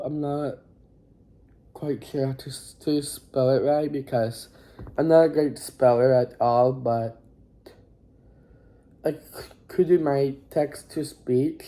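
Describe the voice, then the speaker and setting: A high school student in their teens recording a casual recap vlog on a phone, talking in a halting, rambling, apologetic way. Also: dark tone.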